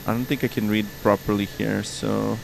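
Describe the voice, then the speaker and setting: A man's voice: fairly low pitch, little pitch movement, normal speed, creaky, a little hiss or hum, low-quality recording. A man chatting informally and a little hesitantly to viewers as a flight simulator streamer playing pilot. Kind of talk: casual live stream commentary.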